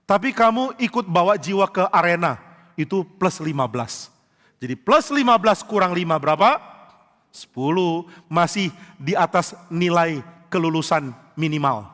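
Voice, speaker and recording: A male pastor delivers an emphatic sermon, leaning on rhetorical questions and slipping into the voices of the people he quotes. His voice sits fairly high for a man. The sound carries the long reverb of a church hall. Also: lively intonation, normal speed, a bit bright.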